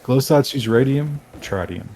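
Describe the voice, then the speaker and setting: A man's voice: on the low side, normal speed, darkish tone, slight background noise. A man giving casual, chatty gameplay commentary on a live stream, explaining things as he plays. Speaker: game streamer.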